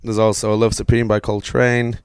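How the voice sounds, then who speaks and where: A man's voice: lowish voice, flat delivery, a little fast, clean tone, dry recording. A man, co-hosting a casual podcast chat and reading through his notes with lots of fillers. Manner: rambling, reads notes aloud with fillers. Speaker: podcast co-host.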